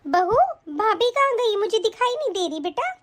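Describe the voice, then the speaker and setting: A soft-spoken, modest old aunt in a cartoon story, as a woman puts her on. She talks affectionately and humbly, in a very high voice. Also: expressive, normal speed. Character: elderly aunt, humble and gentle. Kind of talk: animated story voice acting.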